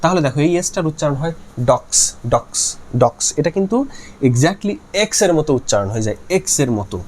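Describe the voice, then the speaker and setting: Male tutor, slightly high, animated delivery, repeats words to demonstrate sounds. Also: fast talker, a little hiss or hum. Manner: repeats words aloud to model sounds, asks and answers own questions. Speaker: linguistics tutor. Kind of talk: explanatory lecture.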